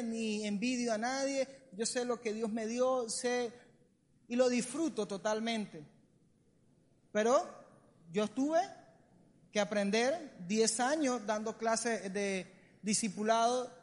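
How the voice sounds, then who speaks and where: A Colombian man preaching a sermon in a church hall, animated and lively. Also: very high voice. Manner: animated, acts out comic voices. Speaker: pastor. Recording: long hall reverb.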